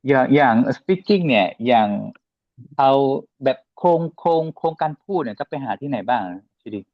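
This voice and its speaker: A man's voice: mid-range voice, expressive, moderate pace, no room sound, dull audio. A man speaking as a student in an online class, hesitant, searching for words and switching between languages. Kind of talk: casual questions in class.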